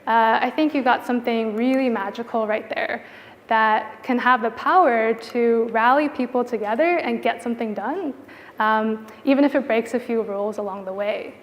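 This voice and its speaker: Presenting at an indoor conference, a product designer talks at normal speed in a fairly high voice. She keeps it casual, sprinkling in "like" and "you know," while the hall's long echo rings around her.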